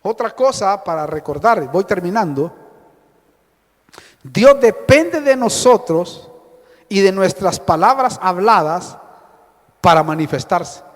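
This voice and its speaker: Impassioned high-voiced male preacher in hall. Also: lively intonation, takes it slowly, pauses often. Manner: impassioned preaching, swings between loud exhortation and hushed asides. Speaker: pastor. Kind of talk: sermon. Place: church hall. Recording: long reverb with faint music, church hall.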